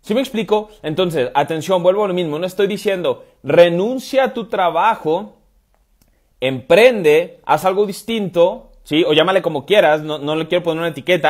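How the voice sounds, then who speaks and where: A man in his thirties giving a motivational live stream as a business coach, talking emphatically with repeated rhetorical questions. He speaks indoors into a wired earphone mic in front of a phone camera. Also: sits high. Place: indoors, room with stone-pattern wall. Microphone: wired earphone headset mic, phone camera.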